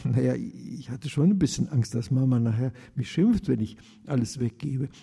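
A man's voice: medium pitch, normal speed, vocal fry, dark tone, breathy edge. A man voicing an earnest young boy who tells his story in a jumbled rush. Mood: eager. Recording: long reverb.

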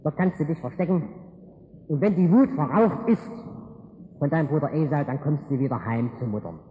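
A man's voice: a little high, expressive, brisk, warm tone, natural voice. A man voicing a scheming, protective mother within a sermon, giving urgent, conspiratorial advice. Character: scheming protective mother, middle-aged woman. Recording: reverberant hall with faint ambient noise.

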